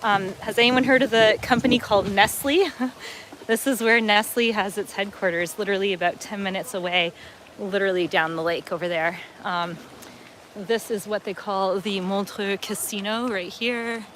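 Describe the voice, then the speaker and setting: A woman's voice: medium pitch, steady tone, normal speed, fairly bright tone, slight background noise. A middle-aged woman from upstate New York, hosting a casual livestream on a lakeside waterfront, chatting and reading viewer comments aloud as she walks. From upstate New York, USA. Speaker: travel vlogger hosting a livestream.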